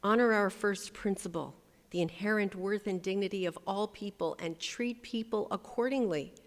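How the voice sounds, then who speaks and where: In a church sanctuary, a woman pastor delivers an emphatic sermon and leads the congregation in call-and-response. Her medium-pitched voice moves at a moderate pace, trailing a long reverb tail.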